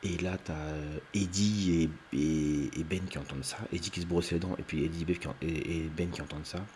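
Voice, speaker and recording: A man with an extremely deep voice recaps a film for his video audience, loose and unscripted, stumbling through fillers and restarts. Now and then he jumps up in pitch to act out a character's line. A faint hiss runs under the recording. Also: fairly even intonation, brisk, a little mellow. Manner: rambling, many fillers and restarts; briefly acts out lines in raised voices. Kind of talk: unedited casual retelling.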